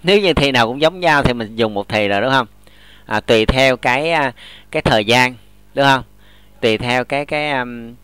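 A man, teaching English grammar in a classroom lesson, explaining slowly and often checking that students follow. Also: medium pitch, fairly bright tone, clear, resonant tone, no room sound. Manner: models English example sentences slowly.

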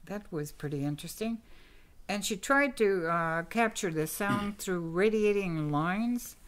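A woman's voice: medium pitch, expressive, a little slow. An older woman, the host's mother, casually chatting and sharing facts about an artist's life. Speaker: podcast co-host, host's mother. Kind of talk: casual chat about art history.

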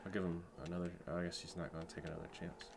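A young man commenting on his own gameplay, keyed up and shaky with adrenaline, shouting in tense moments and going soft in between. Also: low voice, very fast, creaky, noisy background. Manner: excitable, shouts in tense moments then talks softly. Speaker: gaming video creator.

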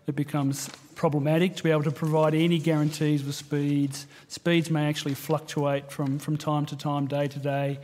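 Flat-toned executive giving technical evidence. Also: male voice, a little high. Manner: careful, technical, measured. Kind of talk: formal testimony at a parliamentary hearing.

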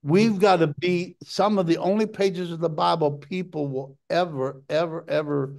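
A middle-aged man preaching a sermon with passion, his voice jumping up high for emphasis. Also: fairly even intonation, moderate pace, gravelly, darkish tone. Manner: impassioned preaching, jumps to a high pitch for emphasis.

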